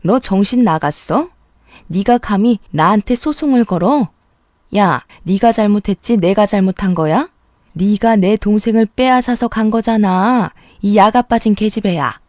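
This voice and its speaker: A woman's voice: mid-range voice, unhurried, a little mellow, no room sound, clean studio sound, natural voice. A woman voicing a possessive sister-in-law who screams insults, in a narrated drama story. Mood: shrieking.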